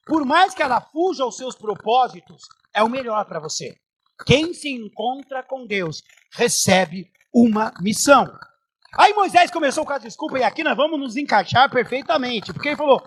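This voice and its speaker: High-voiced preaching man, lively and joking. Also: a little fast, a little hiss or hum. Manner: animated, conversational preaching with humor. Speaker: pastor. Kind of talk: sermon. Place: church.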